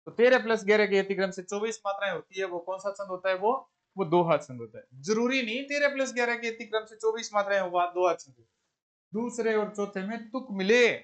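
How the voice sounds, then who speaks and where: A man's voice: high voice, a little fast. A man teaching an exam-prep lesson on verse meter, asking questions to his students and answering them himself, counting beats aloud step by step. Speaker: Hindi teacher.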